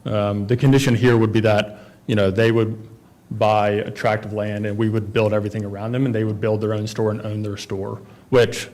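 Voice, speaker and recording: A man's voice: fairly low pitch, level tone, moderate pace, darkish tone. A man presenting as a developer at a town council meeting, talking casually with many fillers and restarts.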